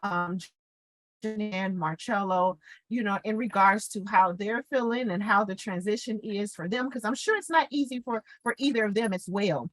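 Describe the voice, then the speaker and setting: A middle-aged woman co-hosting a casual podcast chat, animated and playful, acting out quotes in lively voices. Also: medium pitch, normal speed, dry recording, poor audio. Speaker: podcast co-host.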